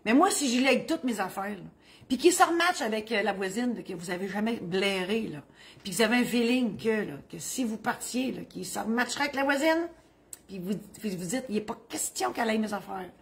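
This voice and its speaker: A middle-aged woman speaks with a Quebec French accent, sitting at a mid pitch for her voice. She answers legal questions as a notary in a loose, joking manner. She wanders off into asides and then comes back to explain things in plain words. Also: animated, a little fast, creaky. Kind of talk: humorous legal advice column.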